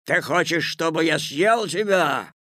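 A man's voice: on the high side, expressive, unhurried, pushed and bright, dry recording, clean studio sound, pitched above the performer's own voice. A man voicing a rude, menacing wolf in a storybook reading, growling and drawn out.

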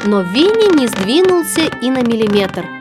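A woman narrating a children's storybook in an expressive, animated way. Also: a little high, normal speed. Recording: music playing behind.

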